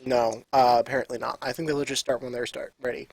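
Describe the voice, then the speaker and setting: A man's voice: medium pitch, little pitch movement, brisk, poor audio. A man co-casting a live video game match, playful and joking, sometimes humming along. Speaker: co-caster. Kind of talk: casual live game commentary.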